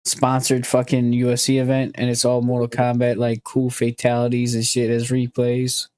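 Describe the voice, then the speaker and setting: A man's voice: mid-range voice, completely flat delivery, moderate pace, darkish tone, clean tone. A man hosting a podcast in casual chat, loose and joking with plenty of swearing. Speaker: podcast host.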